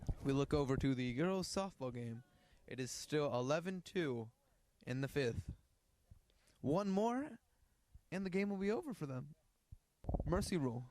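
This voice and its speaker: A man's voice: a little high, expressive, moderate pace, darkish tone. A young man giving casual, jokey play-by-play for a school baseball game. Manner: chatty, jokey, breaks into playful singing. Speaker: student baseball commentator.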